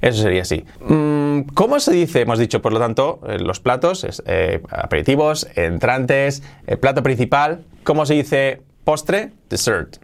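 A man from Spain with a Spain Spanish accent teaches English vocabulary in a relaxed spoken lesson. His voice is gravelly and his pitch jumps about a lot, especially on questions. He says each word several times and moves back and forth between Spanish and English. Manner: repeats words slowly, switches between Spanish and English.

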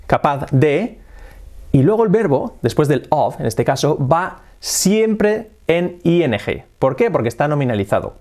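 Lively man teaching English. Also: medium pitch. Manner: explanatory, repeats examples slowly, lively intonation. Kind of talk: casual video lesson.

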